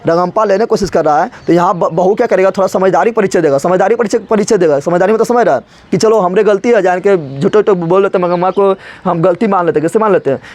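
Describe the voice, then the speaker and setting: A man's voice: sits high, fast, few pauses, a little mellow. A male teacher, explaining a story to his class and repeating his own questions before answering them.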